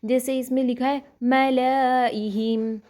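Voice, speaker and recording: A woman teaching Quran recitation rules, explaining patiently step by step, often checking that her students follow, and chanting Arabic words slowly and drawn out. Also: on the high side, a little mellow. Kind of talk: online tajweed lesson.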